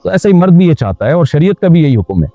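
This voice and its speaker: A man's voice: on the high side, big pitch swings, fast talker, mellow, no room sound. A man, an Islamic scholar, answering questions and giving direct, plain-spoken religious advice. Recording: tinny phone-like sound with faint music.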